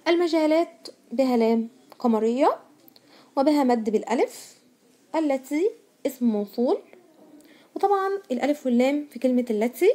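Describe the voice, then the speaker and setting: A woman's voice: high-pitched, dark tone. A woman teaching a primary school grammar lesson in Egyptian Arabic. She stresses each new word and answers her own questions to the pupils. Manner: asks pupils questions and answers them herself.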